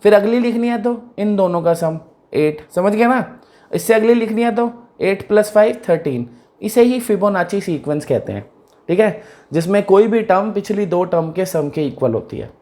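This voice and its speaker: A man teaches math casually with a high, expressive, slightly mellow voice at a moderate pace. He repeats questions frequently to confirm the students are following.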